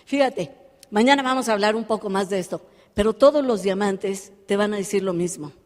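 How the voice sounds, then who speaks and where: A woman giving a live motivational talk, telling her story with lively animation and acting out the dialogue. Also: medium pitch, a little fast. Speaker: motivational speaker. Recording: long hall reverb.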